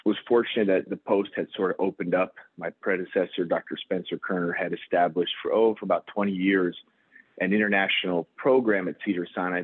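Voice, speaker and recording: A man's voice: low voice, breathy edge, no echo. A middle-aged man, a surgeon and hospital executive, answering interview questions thoughtfully with frequent fillers and restarts. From United States. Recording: tinny phone-like line.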